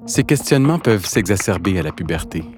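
A man giving scripted narration in a smooth, explanatory way. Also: low-pitched, sing-song, fast talker. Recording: narration over clear music.

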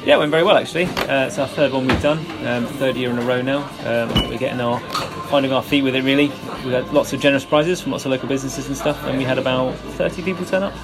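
A man's voice: medium pitch, fast, few pauses. A man with a Home Counties accent chatting casually as an interview guest, explaining things in an easygoing, modest way. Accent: Home Counties English. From Hertfordshire, England. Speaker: interviewed guest, meetup organiser. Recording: loud music behind the voice. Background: music.

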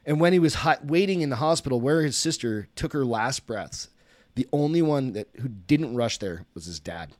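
A man's voice: medium pitch, expressive, moderate pace, a little mellow, dry recording. A man, host of a podcast, reading a story aloud in a casual way, often stopping to correct himself.

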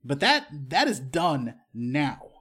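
Man playing a husky, stern crime crew boss. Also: fairly high pitch, wildly swooping pitch, slow pace, a bit bright, full character voice. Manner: stern, lecturing. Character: exasperated male crime crew leader, commanding and persuasive.

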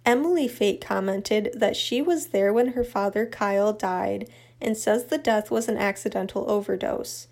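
A woman narrating a true crime update in an even, matter-of-fact scripted read. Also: mid-range voice, moderate pace.

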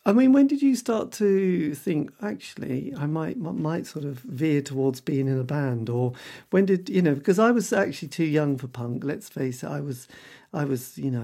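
A middle-aged man with an English accent and a husky voice, chatting casually and reminiscing in a rambling, self-deprecating way as an interviewer. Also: mid-range voice, mellow. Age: 50s or older. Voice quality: husky, gravelly.

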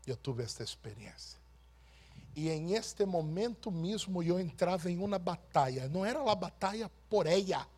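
A man preaching a sermon as a pastor, slowly and emphatically, swinging from hushed storytelling to shouted proclamation. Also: high-pitched, expressive.

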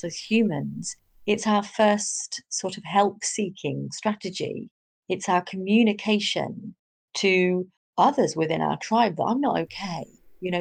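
A woman in her thirties, a psychologist guest on a podcast, talking gently and candidly. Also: on the low side, creaky, breathy edge. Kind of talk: podcast interview.

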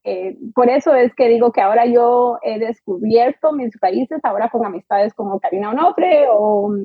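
A middle-aged woman, a native English speaker, talks as an interview guest in a chatty way. She restarts often and fills pauses with little sounds. Her voice is a bit high and husky, and the recording is dry and muffled. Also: no echo. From United States. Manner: chatty and warm, with many fillers and restarts. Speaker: guest, immigration lawyer. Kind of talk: conversational interview.

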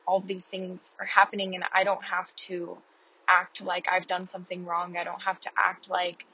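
A woman hosting a casual, reflective podcast while driving, talking in a hesitant, rambling way with many fillers. Her voice comes through a low-quality earbud mic in a car. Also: monotone, normal speed, sharp tone, slightly rough, muffled recording. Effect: low-quality earbud-mic sound. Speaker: podcast host. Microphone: wireless earbuds.

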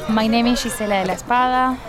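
An Argentine woman with an Argentine Spanish accent, a garden coordinator, tells her personal story in an outdoor interview, speaking earnestly with light laughs. Her voice is a little high and her pace quick. Music plays in the background and the audio quality is poor.

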